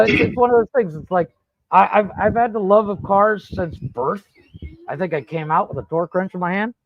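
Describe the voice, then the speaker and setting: A man hosting a podcast, his voice pitched high and rough with gravel. He rambles through profane, animated stories in a dry, close studio sound. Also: no echo, poor audio. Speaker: podcast host. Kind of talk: casual storytelling chat. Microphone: podcast studio mic.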